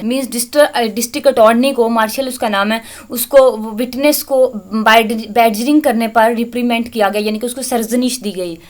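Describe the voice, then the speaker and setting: A woman teaching an English grammar lesson. She reads English example sentences slowly, then explains them briskly in Hindi-Urdu. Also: fairly high pitch.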